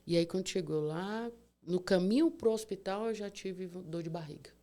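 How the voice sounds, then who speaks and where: A woman, telling her own hard story as a podcast guest, animated and vivid, acting out what people said. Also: on the low side, moderate pace. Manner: vivid, animated retelling with acted-out dialogue and sound words. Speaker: guest, cancer survivor. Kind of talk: emotional storytelling in a podcast interview.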